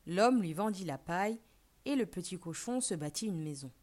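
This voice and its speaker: A woman teacher reading a fairy tale aloud for learners, then asking questions and reading a vocabulary list. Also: fairly low pitch. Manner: clear, deliberate, expressive reading. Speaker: French teacher. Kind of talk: slow storybook narration and vocabulary lesson.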